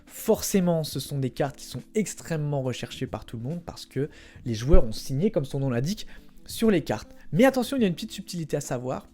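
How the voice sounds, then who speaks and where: Playful young man with a mellow voice. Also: fairly high pitch, expressive, brisk, soft background music. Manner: playful, with spoken sound effects; chatty, addresses viewers directly. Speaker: trading card collector and channel host. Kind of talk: casual explainer vlog.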